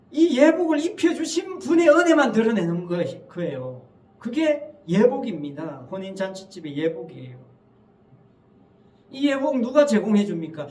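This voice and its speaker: Male pastor, Sunday sermon, emphatic rhetorical questions, echoey church sanctuary, distant mic. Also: extremely high pitch.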